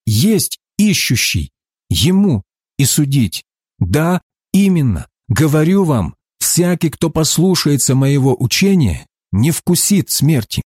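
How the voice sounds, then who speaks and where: An earnest male teacher speaking with solemn emphasis, as a reader voices him. The voice sits fairly high and moves a lot in pitch, with a dry, close sound. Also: very animated, slow pace, a little mellow, husky, no room sound, heavily acted.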